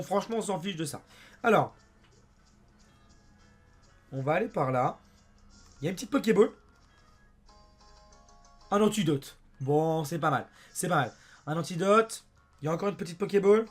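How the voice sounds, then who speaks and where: A young French man with a hoarse voice, chatting excitedly as he plays a game and talks to his viewers. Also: sits high. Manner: chatty and excitable, often says "mes amis" and "abusé". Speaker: let's play host. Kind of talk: casual gameplay commentary.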